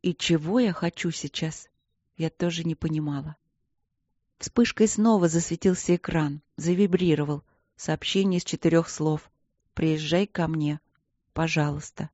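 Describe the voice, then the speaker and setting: A woman narrating an audiobook in the first person, calm and reflective. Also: lowish voice, moderate pace, dry recording, dull audio.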